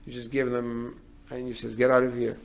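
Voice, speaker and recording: A man's voice: medium pitch, completely flat delivery, moderate pace, gravelly. A middle-aged man, a rabbi, giving a sermon in an earnest way, building to emphatic declarations.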